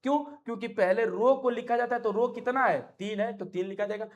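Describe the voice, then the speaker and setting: A man's voice: very high-pitched, a little fast, highs cut off. A man teaching a maths class, explaining patiently and repeating himself that keeps checking whether students understood. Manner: repetitive, coaxing, checks understanding often. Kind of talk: classroom lecture.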